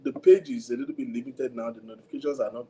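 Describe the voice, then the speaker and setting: This livestream host has a Nigerian accent and a mid-range, warm voice that stays steady while moving fast, with slight background noise behind him. Casual and chatty, he rambles, switches between languages, talks directly to viewers, and says he has a big voice.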